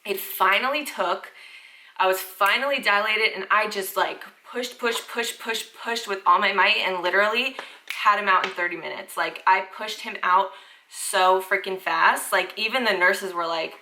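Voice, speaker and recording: A woman's voice: mid-range voice, normal speed, sharp tone, rough recording. A young woman, chatting casually to camera as a parenting vlogger, filling her talk with "like". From Southern United States. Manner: chatty, fills talk with "like" and "freaking".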